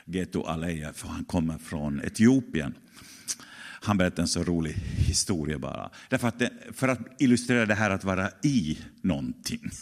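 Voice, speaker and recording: Man preaching in a reverberant church. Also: low-pitched. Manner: conversational, many restarts and rhetorical questions. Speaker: pastor. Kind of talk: sermon with storytelling. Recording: long church hall reverb.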